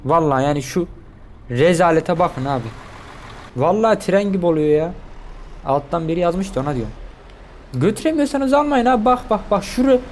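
An excitable man with a fairly high voice gives running commentary while he plays, piling up quick repeated words as things happen on screen. Faint game noise hums behind him. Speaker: gaming streamer.

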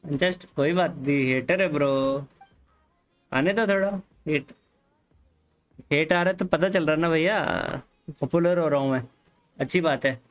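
A man with an Indian accent streaming a game live, talking casually with viewers, mixing Hindi and English and telling the chat to calm down. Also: fairly high pitch, a little slow, long pauses, soft background music, low-quality recording. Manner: easygoing, mixes Hindi and English, calms the chat. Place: home room, hot.

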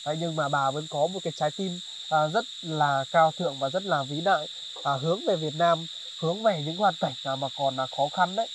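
A man hosting a charity vlog outdoors in a highland village, talking politely to viewers with many fillers. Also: fairly quick, background noise. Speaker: charity vlogger. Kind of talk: vlog narration and chat on location.

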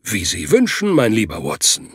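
A man voicing a brisk, rash male detective who speaks low and with mock solemnity, in an audiobook. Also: wildly swooping pitch, husky, no echo, clean studio sound, exaggerated voice. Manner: over-solemn, hasty.

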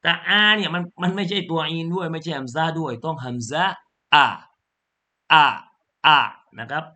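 A man teaching Quran reading in a lesson, spelling out syllables slowly, correcting pronunciation and chanting the verse in a melodic tone. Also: fairly high pitch, sharp tone.

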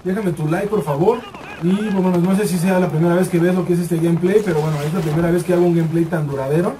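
Mexican man streaming a shooter game, high voice, heard from a distance over loud game noise, excitable and foul-mouthed. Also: fast. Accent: Mexican Spanish. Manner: excitable, swearing, repeats words in bursts. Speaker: gaming YouTuber. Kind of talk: casual gameplay commentary.

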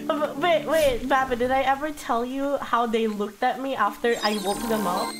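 High-pitched, slow-paced giggly woman streamer. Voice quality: hoarse, husky from illness. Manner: giggly, excitable, swearing freely. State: sick, coughing. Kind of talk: casual live gaming stream chat. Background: game music.

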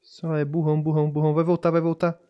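Excitable young man streaming a horror game. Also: on the high side, muffled recording. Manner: excitable, yelps when startled, reads lore slowly. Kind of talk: casual gaming chat with read-aloud lore.

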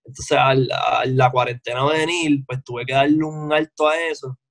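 A man, chatting as a guest in a relaxed, slangy way on a video call from his home music studio. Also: medium pitch, moderate pace. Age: 20s. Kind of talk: casual interview chat.

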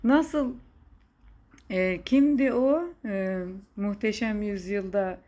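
Middle-aged woman, podcast host, playful casual talker, medium pitch. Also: slow, mellow. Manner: chatty, playful, laughs often. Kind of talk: casual chat.

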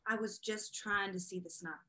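A woman reading the part of a hurried, puzzled young woman student in a play reading. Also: mid-range voice, fairly even intonation, sharp tone, lightly acted. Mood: shaken. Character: distracted young woman art student, twenty.

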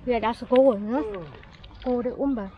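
Excited woman vlogging in an orchard. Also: a little high, brisk, muffled recording, a little hiss or hum. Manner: excited exclamations while picking fruit. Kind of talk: casual vlog chat. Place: outdoor cherry orchard.

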